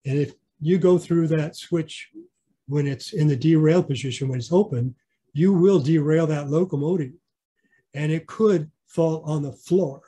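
A man's voice: a little high, unhurried, mellow, slightly rough. A man giving a casual online slideshow clinic about his model railroad, rambling with fillers and restarts. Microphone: video call.

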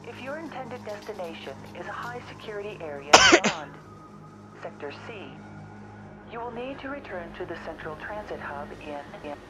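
A woman voicing a calm, formal automated train announcer in a video game, giving measured safety notices. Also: mid-range voice, natural voice, low-quality recording. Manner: measured, formal, even delivery. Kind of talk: scripted public-address announcement. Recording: game audio with loud music.

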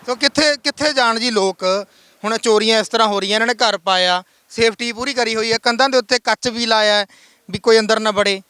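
A man reporting from the field, prompting the people he interviews with short questions and steady murmurs of agreement. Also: sits high, fairly quick, clean tone, dry recording. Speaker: news reporter.

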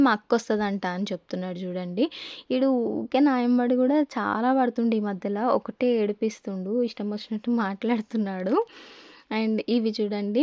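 A woman's voice: medium pitch, darkish tone, no room sound, studio quality. A young woman with a Telangana Telugu accent, narrating a family vlog in a chatty, storytelling way. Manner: chatty, storytelling with quoted asides. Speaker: family vlogger.

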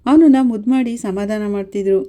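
A woman's voice: medium pitch, fairly quick, warm tone, natural voice. A woman playing a wisecracking, teasing young son.

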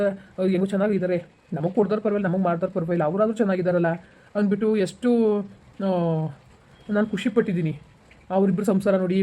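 A man playing a calm, reassuring husband in an amateur village family drama. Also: sits high, highs cut off. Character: gentle, patient rural husband.

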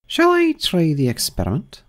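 A man voicing an ugly, chummy old noblewoman who finds a moral in everything, in a high, drawn-out, sing-song voice. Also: wildly swooping pitch. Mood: gushing, moralizing.

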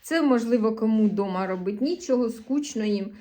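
Woman, Sumy eastern Ukrainian accent, slightly high voice, casual rambling vlog talk, earnest, a bit defensive. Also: moderate pace, mellow. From Sumy region, eastern Ukraine. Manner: chatty, rambling, with frequent self-corrections; earnest and a little defensive when answering comments. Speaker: vlogger. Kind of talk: casual vlog chat to camera.

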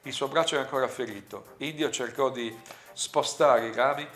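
A man narrating and reading a story aloud, breaking off for slow, reflective asides with hesitant fillers. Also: mid-range voice, a bit bright, faint music behind. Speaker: narrator and reader. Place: room with a director in front of him.

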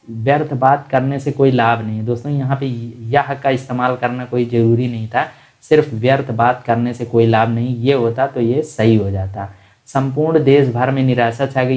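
A man's voice: mid-range voice, a little mellow. Man explaining quiz answers step by step. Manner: explanatory, repeats answers for emphasis; calls listeners "friends". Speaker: exam prep teacher. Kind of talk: online grammar lesson.

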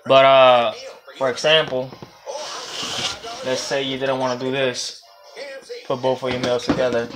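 Over music and with poor audio, a young man with a Puerto Rican accent vlogs a loose how-to from an indoor reptile room lined with storage tubs, his phone held close at arm's length. The reptile breeder speaks unhurriedly in a mid-range, flat voice with long pauses, rambling, laughing and swearing.

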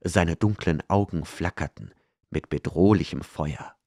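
A man narrating a fantasy audiobook in a measured, dramatic way. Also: rumbling low, creaky, dark tone, dry recording, studio quality. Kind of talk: scripted narration.

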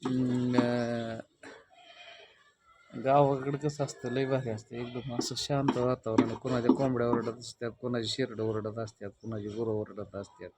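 A man's voice: mid-range voice, level tone, measured pace, very noisy. A man, chatting casually and teasingly in a village vlog, recorded outdoors at home in the early morning. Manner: chatty, teasing, rustic Marathi. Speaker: village vlogger.

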